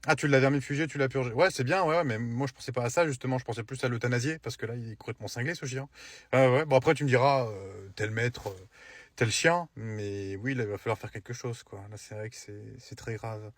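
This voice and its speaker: A man doing a comic sketch monologue with a mocking, deadpan and crude delivery. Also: mid-range voice, fairly quick, no room sound. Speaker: comedian.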